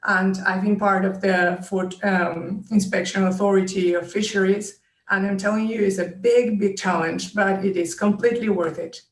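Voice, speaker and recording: A woman's voice: mid-range voice, fairly even intonation, normal speed. A woman from Peru finishing a webinar presentation, earnest and emphatic. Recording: echoey distant call audio.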